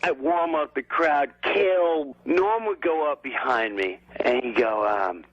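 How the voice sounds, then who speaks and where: A comedian telling an animated backstage anecdote and acting out the people in it. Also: male voice, a little high, slow, dry recording. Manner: animated storyteller, acts out voices in quotes. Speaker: comedian guest. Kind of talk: anecdotal chat. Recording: dull, dry lo-fi audio.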